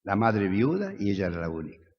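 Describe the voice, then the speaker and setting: Impassioned Argentine preacher in an echoey hall. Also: male voice, on the low side, very animated, quick pace. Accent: Argentine Spanish. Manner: impassioned, rhetorical questions, sudden swings between soft and loud. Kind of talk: sermon. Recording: echoey hall, dull lo-fi sound.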